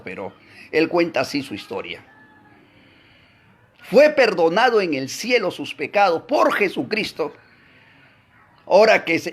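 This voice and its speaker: In a slightly rough voice, a Bible class teacher preaches with emphasis, throwing rhetorical questions at his audience. His delivery shifts between booming exclamations and quiet asides.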